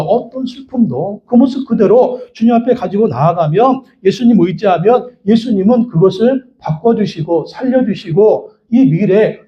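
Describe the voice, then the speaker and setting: A man's voice: sits high, dull audio. A man preaching a sermon as pastor, emphatic and repetitive, asking the congregation rhetorical questions.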